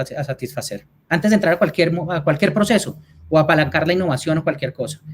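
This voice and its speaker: A Colombian advertising executive with a Colombian accent answers audience questions as a guest speaker in an online talk. His voice sits on the high side, and he explains things carefully, often checking in to make sure listeners are following.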